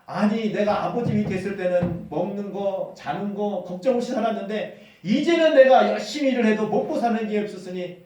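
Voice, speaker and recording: A man's voice: high-pitched, fairly quick, few pauses, a little mellow, lightly acted. A man voicing a destitute young prodigal son, wheedling and self-pitying. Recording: echoey hall from far off.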